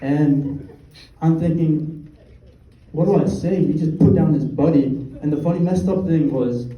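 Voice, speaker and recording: A young man doing a stand-up comedy set, with a dry, halting delivery and deadpan punchlines. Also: a little high, muffled recording. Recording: roomy sound, mic at a distance, faint ambience.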